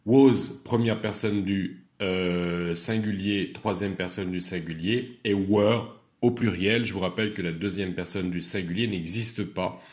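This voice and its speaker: Slow, low-voiced teacher drilling verbs. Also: male voice, a little mellow. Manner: slow, deliberate, stresses verb forms then drops lower to explain. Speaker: English teacher. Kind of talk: reciting irregular verbs with explanations.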